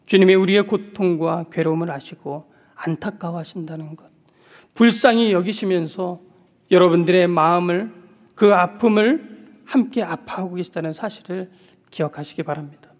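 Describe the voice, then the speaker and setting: High-voiced pastor preaching in a reverberant hall. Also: male voice. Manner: earnest, measured preaching with soft pauses. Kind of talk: sermon. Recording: long reverb of a large hall.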